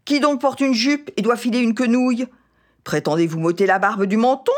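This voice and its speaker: A woman's voice: a little high, normal speed, voice pushed up, close to an everyday voice. A woman reading aloud as a furious, domineering older colonel who blusters and hurls insults at his wife. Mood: angry. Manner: blustering, insulting, indignant questions.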